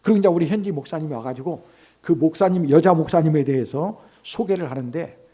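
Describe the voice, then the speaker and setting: A man preaching as a missionary, telling a story in a sermon and swinging from loud exclamations to soft, hushed asides. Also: a little high, brisk, slightly rough. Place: church sanctuary.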